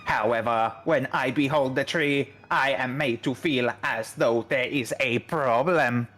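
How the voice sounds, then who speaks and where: A man voicing a stiff, formal android researcher in a video game, with a Dalek-like robot voice and slow, flat, measured speech. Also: medium pitch, soft background music. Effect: Dalek-like robot voice done by mouth. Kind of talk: voicing a game character while streaming.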